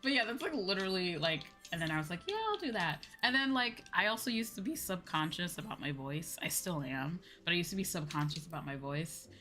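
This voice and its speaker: A young woman livestreams a game with music in the background, chatting casually and giggling. Her fairly low voice is pushed and bright, with lively intonation, coming fairly quickly with few pauses.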